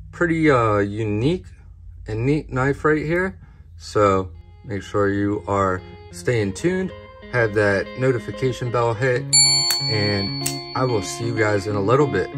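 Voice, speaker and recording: A man hosts a casual knife review, his voice sitting on the low side. He takes his time, speaking slowly and plainly, and keeps addressing his viewers as guys. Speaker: knife review channel host.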